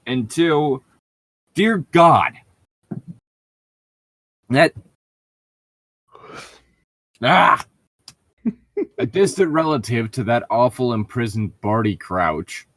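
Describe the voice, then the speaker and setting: A man with a medium-pitched, slightly bright voice speaks slowly and pauses often, with no echo. As a podcast host, he reads fan fiction aloud and riffs casually between lines, exasperated, sarcastic and often profane.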